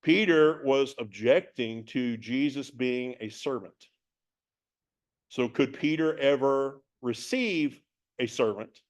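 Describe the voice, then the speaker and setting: A man's voice: medium pitch, takes it slowly. A man teaching a Bible passage verse by verse, reading it from several translations and musing on it in a conversational way.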